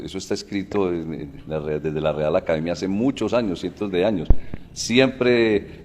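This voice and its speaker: A low-voiced man explains spelling rules in a folksy, conversational way, leaning on everyday examples. His voice carries a long reverberant tail in the recording. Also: darkish tone. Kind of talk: casual explanatory talk.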